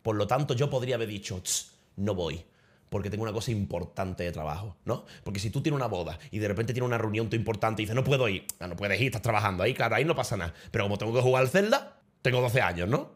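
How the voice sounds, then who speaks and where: A man's voice: fairly low pitch, expressive, rapid-fire. A man, chatting casually on a live stream while he games, swearing freely and breaking into laughter.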